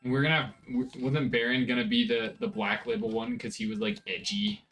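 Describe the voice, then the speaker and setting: A man's voice: medium pitch, expressive, fairly quick, gravelly, a bit bright. Man, casual podcast banter, joking, frequent exclamations, faint music behind. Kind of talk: casual chat.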